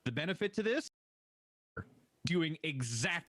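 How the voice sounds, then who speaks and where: A man's voice: a little high, sing-song, a little slow, a bit bright, dry recording. A man presenting a game reveal, enthusiastic and asking his co-host questions.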